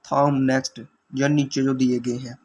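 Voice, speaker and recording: A man's voice: medium pitch, little pitch movement, moderate pace, a little mellow, a little hiss or hum. A man teaching language exam questions, explaining answers patiently step by step.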